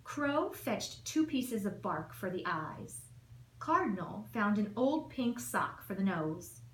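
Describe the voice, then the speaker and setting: Slow-paced and with big pitch swings in her mid-range voice, a woman reads a children's story aloud as an assistant principal. She tells it emphatically and rhythmically in an echoey room where faint noise is audible.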